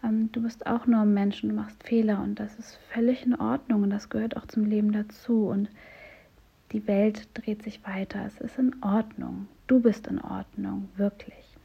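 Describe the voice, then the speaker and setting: A woman voicing a compassionate inner voice in whispered role-play, soft and reassuring. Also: medium pitch, level tone, moderate pace, creaky, slightly rough, dull audio. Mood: soothing. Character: gentle compassionate inner voice, soothing and kind.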